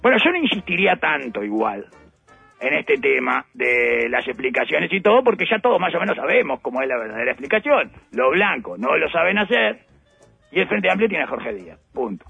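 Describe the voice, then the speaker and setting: A man's voice: on the high side, big pitch swings, a little fast, gravelly, slightly rough, dry recording, faint music behind. A man with a Uruguayan accent giving satirical political commentary on the radio, ironic and rambling with playful asides. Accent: Uruguayan Spanish. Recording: dull lo-fi radio audio.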